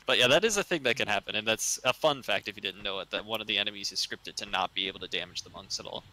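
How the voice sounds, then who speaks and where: A man's voice: fairly low pitch, expressive, fairly quick, sharp tone, low-quality recording. A man giving casual speedrun commentary, chatty and rambling, with lots of fillers and easy laughs.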